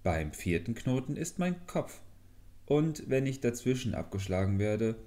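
A man's voice: medium pitch, big pitch swings, unhurried, mellow, pitched above the performer's own voice. A man reading a storybook, voicing a tiny young man trapped in a bamboo stalk who first pleads and then gives commands. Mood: instructing.

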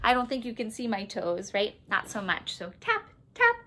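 A woman music therapist leading a remote session, singing a simple action song and gently coaching movements between verses. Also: mid-range voice, normal speed. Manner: cheerful sing-along leader, gentle coaxing instructions. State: out of breath.

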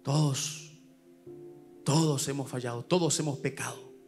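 A male pastor with a Paraguayan Spanish accent, preaching a sermon at a church service, swinging from loud urgent calls to hushed asides. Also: mid-range voice, fairly even intonation, measured pace, faint music behind.

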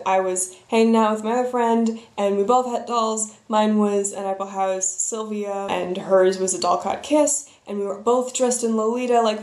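A woman's voice: a little high, darkish tone, echoey room. A young woman telling embarrassing stories in a wry, self-deprecating way. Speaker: vlogger. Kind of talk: storytelling vlog.

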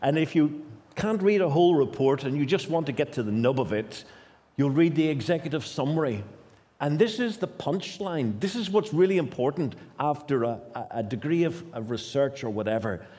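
His pitch sits fairly high with lively intonation and a dark tone, and his pace is moderate. This Northern Irish preacher in his fifties hammers home points at a lectern in a church hall, repeating and breaking into quick spurts. Audio is from stand mics at the lectern plus a far camera.

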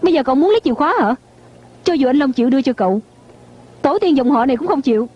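A defiant daughter-in-law. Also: female voice, high-pitched, expressive, very fast, slight background noise. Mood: indignant. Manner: indignant, lecturing. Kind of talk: dubbed TV drama. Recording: dull lo-fi dub.

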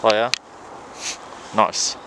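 A young man talks slowly and casually into a handheld camera while shivering outdoors in the cold. He laughs often and exclaims at the view. Steady outdoor noise runs behind him. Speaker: vlogger. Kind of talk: casual vlog chat. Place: outdoors at a city lookout by a frozen river at night. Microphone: handheld camera or phone.

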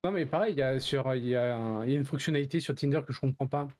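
A man's voice: medium pitch, rapid-fire, a little mellow. A man chatting as a guest co-player on a live stream, teasing and laughing easily. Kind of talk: casual live-stream chat.

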